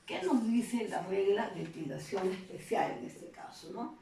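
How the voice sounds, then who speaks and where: A woman teaches a lesson, explaining patiently and checking in with her listeners as she goes. Her voice is gravelly and mellow. It sounds off-mic in an echoey room with faint background noise. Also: mid-range voice, a little slow, distant mic. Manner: explanatory, checks in with frequent tag questions. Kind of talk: recorded classroom lesson.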